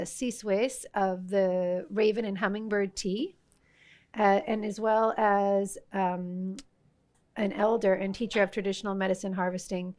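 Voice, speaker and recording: A woman with a clean, rather high voice hosts a tea festival panel live on a festival stage. She introduces her guests warmly but hesitantly, with lots of uhs.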